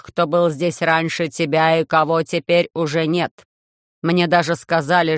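Storybook robot overlord, loud, harsh and metallic, very slow, clear dry delivery, as a reader puts it on. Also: mid-range voice, no room sound. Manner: slow, loud, measured commands. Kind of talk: audiobook reading.

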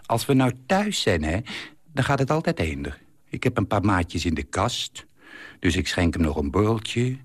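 A man reading aloud in the voice of a chatty middle-aged woman, telling her story with lively, confiding storytelling. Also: on the low side, no room sound, clean studio sound. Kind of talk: reading a literary column aloud.

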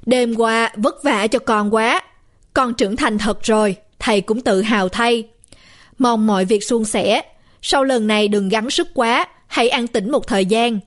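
A woman voicing a kind, elderly Buddhist abbot who speaks slowly and gently, like a reassuring father. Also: fairly high pitch, lightly acted. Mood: gentle.

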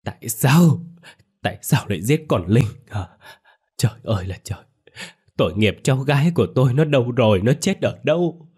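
A man voicing an old grandmother who shouts and wails in grief over her murdered granddaughter, in a husky voice. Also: medium pitch, lively intonation, normal speed, voice pushed up. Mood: grief-stricken fury. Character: old grandmother, heartbroken and furious.

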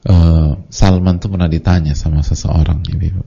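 Male preacher, lively sermon, dark husky tone on a muffled recording. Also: sits low, moderate pace. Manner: lively, acts out congregants' voices. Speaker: Islamic preacher. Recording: dull lo-fi audio recording.

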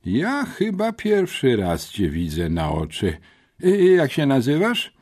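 A man's voice: medium pitch, huge pitch swings, takes it slowly, a little mellow, voice pushed up, heavily acted. A man voicing a cold, stern female school headmistress who scolds pupils in an audiobook. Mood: stern scolding. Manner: cutting, scolding. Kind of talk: audiobook character voice.

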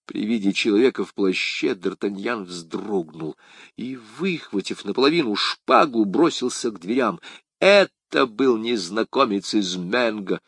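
Low-voiced man narrating expressively. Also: unhurried, breathy edge, no room sound, studio quality. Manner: expressive, dramatic reading. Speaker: audiobook narrator. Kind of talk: scripted narration of a historical novel.

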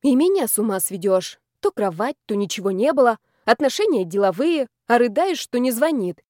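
A woman voicing a shrewd, pushy and curious female friend, talking brisk, bossy and emphatic. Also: on the high side, big pitch swings, warm tone, no room sound, clean studio sound.

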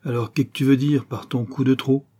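Jovial scheming crook, bluff and teasing, mellow husky voice, read by a man. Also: medium pitch, steady tone, fairly quick, close to an everyday voice.

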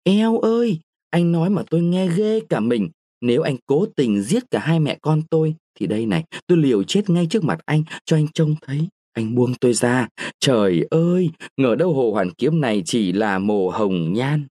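A man's voice: mid-range voice, expressive, normal speed, dark tone, no echo, clean studio sound, voice pushed up, natural voice. A man doing a proud pleading young woman. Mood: reproachful pleading. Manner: emotional, reproachful pleading.

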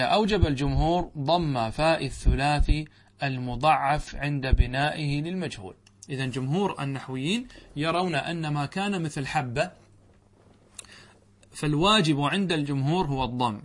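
A middle-aged man, a sheikh teaching Arabic grammar in a lesson, explaining step by step and asking his students questions before answering them. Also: mid-range voice. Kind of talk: classroom lesson commentary.

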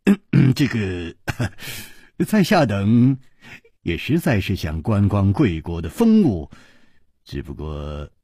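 A cool, wry young hero from a wuxia storybook, low and unhurried, as a husky male storyteller puts him on. Husky and dry close up. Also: sing-song, darkish tone, no room sound, full character voice.

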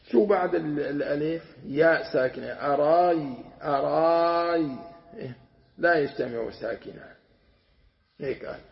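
A man, teaching a religious lesson as a sheikh, patiently explaining and sounding out words slowly with repetition. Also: on the high side, gravelly. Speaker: sheikh teaching Quran commentary. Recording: dull lo-fi lecture recording.

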